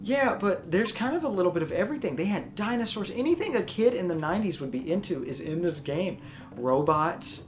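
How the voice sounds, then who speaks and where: This young let's play host has a high-pitched voice and talks briskly, casually rambling through his explanations in a self-described monotone. A little hiss or hum runs under the recording.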